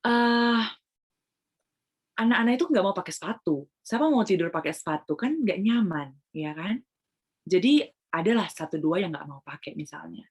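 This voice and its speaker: A woman's voice: medium pitch, lively intonation, normal speed, slightly rough. A woman Montessori trainer explaining in an online webinar, mixing English phrases into her talk and acting out examples. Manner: acts out examples of what she tells children.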